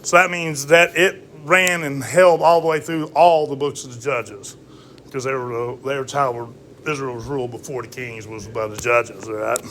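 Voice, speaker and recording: A man leading a casual Bible study, reading scripture aloud slowly and checking in with listeners by asking "all right?". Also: mid-range voice, fairly even intonation, fairly bright tone, slight background noise.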